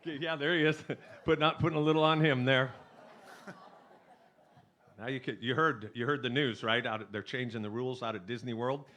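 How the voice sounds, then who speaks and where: A middle-aged man from California telling jokey stories to a live audience on stage, chatty and animated, with restarts. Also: medium pitch, normal speed. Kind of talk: stage storytelling with jokes.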